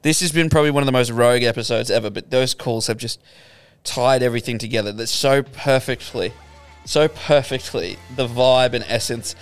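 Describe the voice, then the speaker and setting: A man's voice: mid-range voice, fairly quick, smooth, no room sound. An Australian man hosting a casual podcast, rambling and jokey, with plenty of swearing. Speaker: podcast host. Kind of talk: casual banter. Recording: dry, with music behind.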